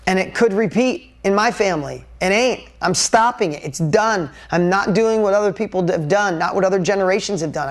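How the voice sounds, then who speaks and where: A middle-aged man giving a candid, emphatic motivational talk, firing off rhetorical questions and swearing now and then. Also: on the high side. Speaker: motivational speaker.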